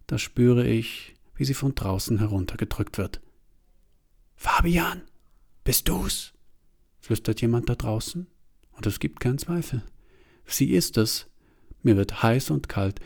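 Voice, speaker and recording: A man narrating a first-person story in a confessional way, turning from hushed to agitated. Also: mid-range voice.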